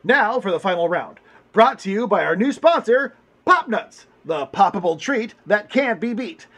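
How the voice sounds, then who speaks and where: A man's voice: sits high, lively intonation, moderate pace, fairly bright tone. A man hosting a puppet comedy game show with a bombastic showman manner. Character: orange furry host puppet.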